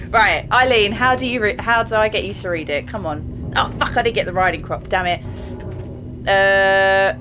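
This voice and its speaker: With a noisy background behind her, a young woman from England gives let's play commentary on her gaming channel, casually chatting, exclaiming and often laughing as she plays. She speaks at a normal speed in a medium-pitched voice.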